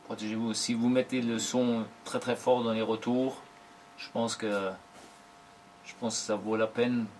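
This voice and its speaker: A man in his forties, a professional drummer, giving unhurried, thoughtful interview answers in short broken phrases. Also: medium pitch, little pitch movement, darkish tone, slight background noise. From Germany.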